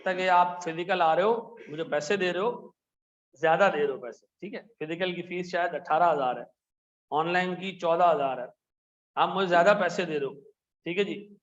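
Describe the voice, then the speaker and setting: Animated Pakistani male teacher, high voice. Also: normal speed, dull audio. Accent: Pakistani Urdu. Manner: chatty, animated, frequent "theek hai ji" asides. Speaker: accountancy teacher. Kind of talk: classroom lecture. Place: classroom with air conditioners and lights.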